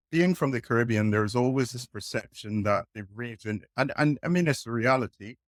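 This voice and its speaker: Measured man from Barbados, low voice. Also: no room sound. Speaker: air transport consultant. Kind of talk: podcast interview guest.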